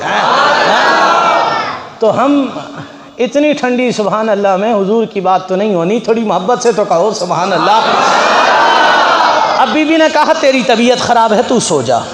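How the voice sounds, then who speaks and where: A man from Pakistan, preaching a fiery storytelling sermon in a mosque and repeating lines with rising passion. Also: sits high. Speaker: Islamic preacher. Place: large mosque with congregation. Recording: echoey mosque hall with crowd.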